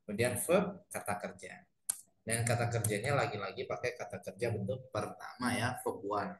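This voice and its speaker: A man's voice: mid-range voice, roomy sound, low-quality recording. A man teaching an online English lesson over a video call. He explains each pattern in English, translates it, and asks his students for questions. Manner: asks learners for questions in a friendly way.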